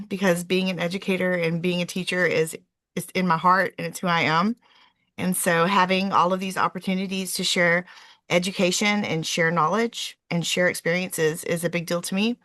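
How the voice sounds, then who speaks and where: A woman's voice: lowish voice, fairly bright tone, dry recording. A woman in her forties, a real estate investor answering interview questions in a chatty way, with many "um"s and self-corrections.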